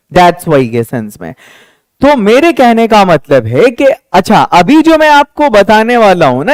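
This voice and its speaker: A young man teaching a spoken English lesson, patiently explaining and slowly repeating example sentences. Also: high voice, dry recording.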